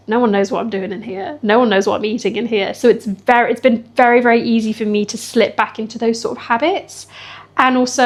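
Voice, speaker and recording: A young woman chatting casually in a fitness vlog, emotional and quick to laugh. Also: on the high side. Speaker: fitness vlogger.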